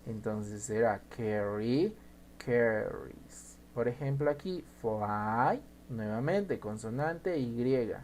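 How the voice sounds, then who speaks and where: A man teaching an English grammar lesson, slowly spelling out and repeating each example. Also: mid-range voice, expressive, darkish tone, slight background noise.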